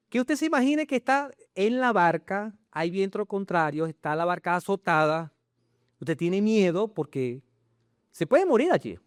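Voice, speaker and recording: A male pastor delivers an animated sermon, firing rhetorical questions at his congregation. His voice sits high and swings widely in pitch. The sound is dry and close. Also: dry recording. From Chile. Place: church.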